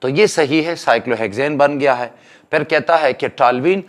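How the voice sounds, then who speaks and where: A man's voice: medium pitch, slow. A man, giving a chemistry exam-prep lecture and explaining each step while mixing in English terms. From Pakistan. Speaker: chemistry teacher.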